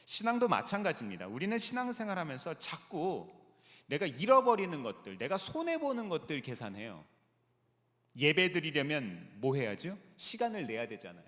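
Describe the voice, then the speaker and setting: Male pastor, animated preacher who quizzes his flock, slightly high voice, long church reverb. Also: moderate pace. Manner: lively preaching with rhetorical questions to the congregation. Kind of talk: sermon. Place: large church sanctuary. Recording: long reverb of a large sanctuary.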